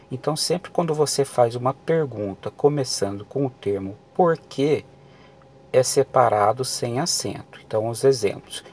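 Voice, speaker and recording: A man's voice: mid-range voice, a little hiss or hum. A man teaching a grammar lesson for exam prep, explaining patiently with many fillers and restarts.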